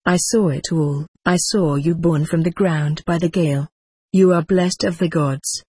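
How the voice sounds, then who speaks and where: A man's voice: on the high side, steady tone, a little slow, husky, no echo. A man voicing a kindly old lama who speaks soothingly, in a storybook reading. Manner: soothing, gentle.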